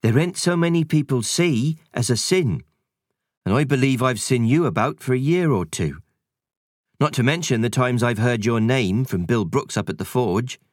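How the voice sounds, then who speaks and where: A man's voice: mid-range voice, expressive, normal speed, a little mellow, dry recording, studio quality, pitched above the performer's own voice, close to an everyday voice. Malkin: a man doing a teasing rustic sprite. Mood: gossipy. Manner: rustic country dialect, chatty and teasing. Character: mischievous invisible male sprite, gossipy, rustic.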